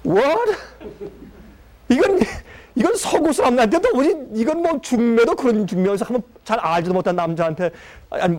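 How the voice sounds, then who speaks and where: A man preaching, telling a story and acting out its people in quoted speech. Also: high-pitched. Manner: animated, acts out the people in his story. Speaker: pastor. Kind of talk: sermon storytelling.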